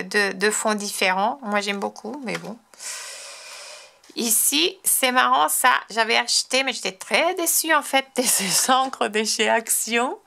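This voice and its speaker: Showing her cards in a laid-back show-and-tell tutorial, a French crafter chats with enthusiasm, often restarting and using fillers. Her voice is mid-range, with vocal fry, and sounds pushed and bright.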